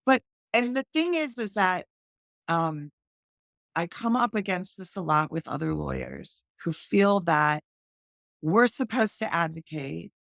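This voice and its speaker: Woman in her 60s, guest lawyer; lower pitch, dry sound, animated storyteller. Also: unhurried, dry recording. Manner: lively storyteller who acts out quoted voices. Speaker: family lawyer, podcast guest. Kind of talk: casual conversation.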